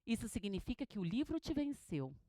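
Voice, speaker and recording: A woman teaching a homiletics class, animated and questioning, who drills words syllable by syllable with her students. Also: fairly high pitch, fairly quick, no room sound. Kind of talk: classroom lecture.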